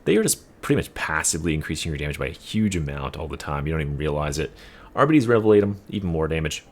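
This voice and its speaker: A man's voice: rumbling low, sing-song, quick pace. A young man giving casual gameplay commentary, explaining a build in a loose, swearing way with lots of fillers. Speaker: game build guide creator.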